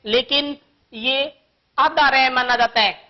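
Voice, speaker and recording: A woman with a high voice teaches a grammar lesson for young children. She speaks slowly and patiently, working through one example after another. The recording sounds dull and lo-fi. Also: fairly even intonation. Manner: slow, patient explaining with many examples.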